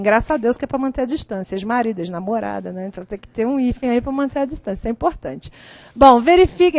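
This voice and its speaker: A middle-aged woman with a Brazilian Portuguese accent teaching an exam-prep writing class, lively and chatty, often checking in with her students. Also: a little high, no echo.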